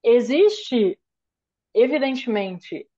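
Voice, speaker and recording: Speaking extremely slowly, this course lecturer from Brazil has a slightly high, expressive voice that is dark and husky, and the recording loses its highs. Her online talk on language teaching unfolds step by step, thoughtful and explanatory, peppered with "né?" tags.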